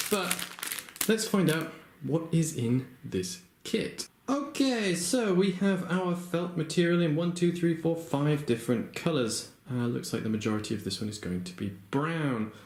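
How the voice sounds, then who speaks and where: Working at a table in a room at home, a man casually narrates a felt craft project as a crafting vlogger, chatty and hesitant with lots of ums and uhs. His voice is mid-range, the sound roomy, and the background noisy. Japanese is not his first language.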